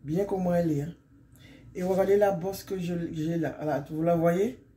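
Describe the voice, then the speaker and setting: A hoarse, middle-aged woman from Guadeloupe chatting casually in a vlog, rambling and often wrapping up her points. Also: fairly low pitch, fairly even intonation, moderate pace, mellow. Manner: chatty and rambling, often sums up with "donc voilà". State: hoarse from illness. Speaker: vlogger.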